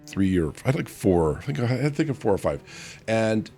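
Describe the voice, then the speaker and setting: Very deep-voiced rambling male streamer. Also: big pitch swings, fairly quick, gravelly, warm tone, husky, soft background music. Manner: rambling, self-correcting, chatty. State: tired, hiccuping. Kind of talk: casual stream chat.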